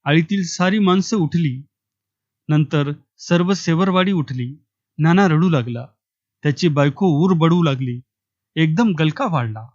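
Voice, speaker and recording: A man reading a short village story aloud, in a steady, measured storytelling manner. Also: on the high side, dry recording. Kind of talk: Marathi short story narration. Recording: dry, slightly dull audio.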